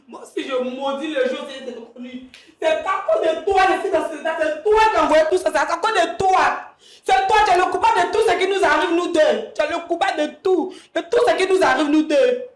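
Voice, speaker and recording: A woman's voice: extremely high pitch, fairly quick, roomy sound. A woman on a talk show confronting her husband, repeating her accusations insistently.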